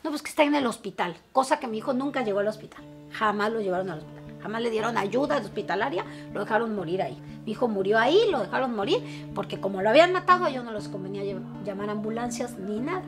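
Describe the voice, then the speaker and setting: Grieving middle-aged Mexican mother, anguished testimony at home, higher voice, guitar underneath. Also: animated, quick pace. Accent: Mexican Spanish. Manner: anguished storytelling, acting out others' words. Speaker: interviewee, bereaved mother. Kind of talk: emotional personal testimony. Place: her family home. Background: soft guitar music.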